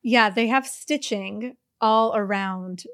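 A woman co-hosting a comedy podcast in casual chat, making wry, deadpan remarks. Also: on the high side, slow pace, no room sound, studio quality. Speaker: podcast co-host.

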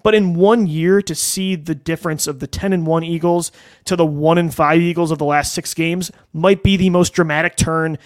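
Slightly high-voiced man hosting a sports podcast. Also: no echo. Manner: incredulous, conversational. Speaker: podcast host. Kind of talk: casual sports chat.

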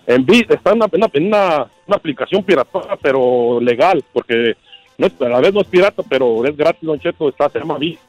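A man calls in to a radio show and rambles through a story in casual slang. His voice sits a little high and sounds close and dry. Soft music runs underneath. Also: animated, quick pace, dry recording, poor audio. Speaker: caller.

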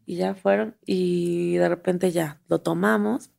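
Gravelly low-voiced Mexican woman. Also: slow pace. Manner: animated storyteller, acts out quotes, laughs often. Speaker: podcast guest, stand-up comedian. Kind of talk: casual storytelling interview.

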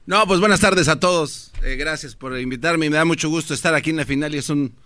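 A man's voice: fairly high pitch, quick pace, bright, forceful tone, no room sound. A man doing a stand-up bit as a contestant on a radio comedy sketch, flustered and pleading.

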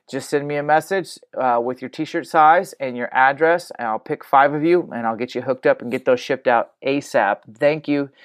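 A man's voice: mid-range voice, clean tone. A man with an American accent hosting a podcast in a casual, plain-spoken way. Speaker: podcast host. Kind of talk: casual podcast intro and interview.

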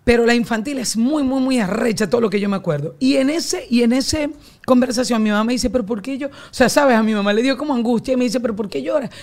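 A woman in her forties with a Venezuelan accent, a guest telling family stories in a loose, animated way full of restarts and slang. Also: on the high side, quick pace. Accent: Venezuelan Spanish. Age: 40s. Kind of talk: casual storytelling chat.

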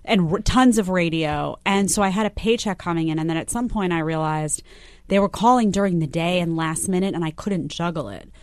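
A woman's voice: fairly low pitch, brisk, no room sound. A woman in casual conversation, chatty and laughing as she tells stories about her early jobs. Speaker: TV news personality. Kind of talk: casual chat.

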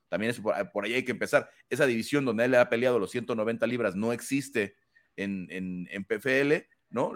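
A man hosting a combat sports panel, talking fluently and emphatically with many fillers and tag questions. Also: medium pitch. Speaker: host of an MMA analysis panel. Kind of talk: casual panel commentary.

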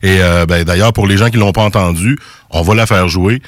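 A man hosting a radio interview in a relaxed way. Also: sits low, a little fast, no echo. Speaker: radio host. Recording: dry radio studio sound.

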